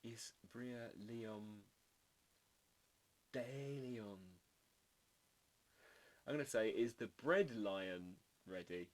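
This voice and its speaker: A man's voice: lowish voice, drawn-out words, pauses often. A man hosting a live drawing stream, chatting casually and playfully while trying out foreign words. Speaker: livestream artist host.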